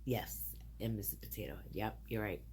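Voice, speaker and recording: A young woman reading a children's storybook aloud to her child, in an expressive, sing-song way. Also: rumbling low, brisk, a little hiss or hum.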